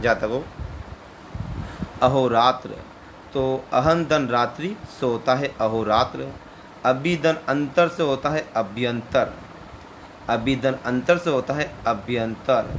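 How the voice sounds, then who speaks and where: Male teacher, mid-pitch, drills words by slow repetition, faint hum behind. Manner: slow repetitive drilling, each word said twice. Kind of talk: exam-prep spelling lesson.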